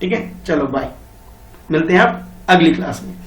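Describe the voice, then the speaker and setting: Male teacher, high voice, patient and repetitive, recorded a little off-mic in a room with echo. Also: expressive, moderate pace, a bit bright, far from the mic. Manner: explains patiently, repeats key points, calls students beta. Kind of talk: online Hindi grammar lesson for children.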